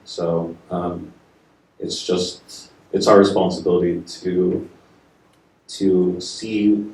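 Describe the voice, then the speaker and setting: A very deep, flat, dark-toned man speaks as a panelist, halting and restarting often. His voice comes from far off in an echoey room. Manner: halting, many fillers and restarts. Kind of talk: panel discussion. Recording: echoey room, distant mic.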